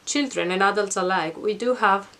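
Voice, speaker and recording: A middle-aged woman speaks at a medium pitch in an informal vlog style. She explains things earnestly and reflectively, as if thinking aloud to her viewers. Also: moderate pace, fairly bright tone. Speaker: vlogger. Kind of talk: informal explanatory talk to camera. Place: attic at home.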